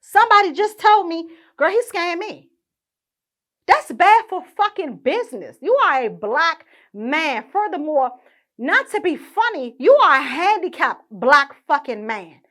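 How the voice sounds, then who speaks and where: Sassy high-voiced woman podcast host. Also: sing-song, a little slow, fairly bright tone. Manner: sassy, indignant, swears constantly. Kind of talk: profane ranting monologue.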